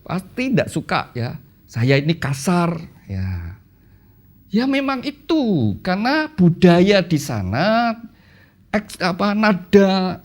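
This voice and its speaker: Male pastor, fairly high and very animated voice, teaching a premarital class, keeps addressing the congregation directly. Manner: lively, addresses listeners as "saudara"; acts out quoted voices with sudden pitch jumps. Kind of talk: church teaching talk.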